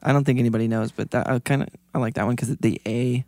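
A man co-hosting a casual church-staff podcast, joking in a deadpan way. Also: medium pitch, fast talker, no room sound. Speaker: podcast co-host, church lighting person. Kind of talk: casual chat.

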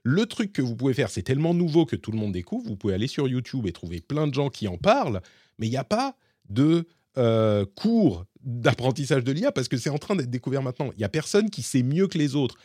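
A male podcast host talks through new tools in a relaxed, chatty way. His voice sits at an ordinary pitch. The sound is dry and close, with little room around it. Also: a little fast, dry recording. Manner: explaining and demonstrating tools live, chatty. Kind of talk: casual tech chat.

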